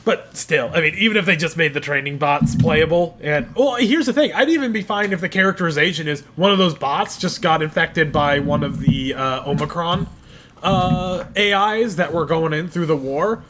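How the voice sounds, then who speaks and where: A man's voice: on the high side, moderate pace, background noise. A man co-hosting a casual gaming podcast, thinking aloud with lots of fillers and frequent laughter. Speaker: podcast co-host.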